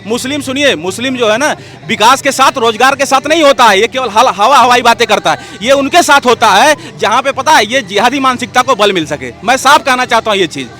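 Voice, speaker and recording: A man's voice: very high voice, expressive, a little fast, pushed and bright, faint music behind. A man giving heated, combative political opinions as an interview guest, hammering his points and repeatedly calling for attention. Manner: emphatic, combative, keeps saying "look" and "listen".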